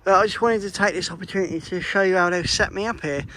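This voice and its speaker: High-voiced guy chatting to his camera by a lake, faint outdoor hiss behind. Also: fast, pushed and bright. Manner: chatty, upbeat, often breaks off mid-sentence. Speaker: vlogger, angler. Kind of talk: casual vlog chat.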